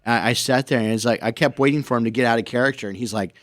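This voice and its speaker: A man's voice: mid-range voice, rapid-fire, no room sound, clean studio sound. Rambling male podcast co-host. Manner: rambling, repeats words, animated storytelling. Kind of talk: casual chat. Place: radio station studio.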